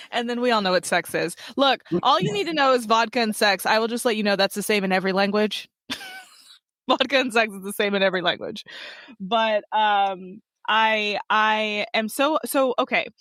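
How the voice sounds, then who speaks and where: An animated American woman hosts a podcast, chatting casually with a guest. She laughs often and jumps into playful voices when she retells stories. The recording is dry and close, with no room sound around her. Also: mid-range voice, moderate pace, dry recording. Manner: bubbly, laughs often, acts out quoted voices. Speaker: podcast host. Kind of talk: casual interview chat.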